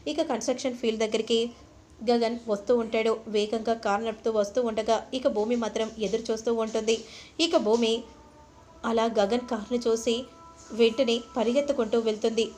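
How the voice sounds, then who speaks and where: Female recap narrator, steady and descriptive, fairly high voice. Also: normal speed, a little hiss or hum. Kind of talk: storytelling narration.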